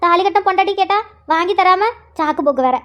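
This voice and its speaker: This is a sly, chattering sister-in-law from a home-made cartoon, put on by a performer. The voice is pushed very high and squeaky and runs along at a quick clip. She teases and gossips like a schemer who has her husband figured out. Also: a bit bright, highs cut off. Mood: gossipy. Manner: chatty, teasing, fast gossip. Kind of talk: Tamil cartoon voice acting.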